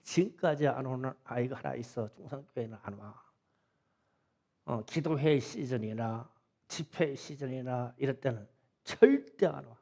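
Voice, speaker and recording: A middle-aged male pastor telling a lively story in a Sunday sermon, acting out the voices of the kids in it. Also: medium pitch, a little slow, gravelly. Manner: animated storytelling, acts out kids' voices and wailing. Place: church sanctuary.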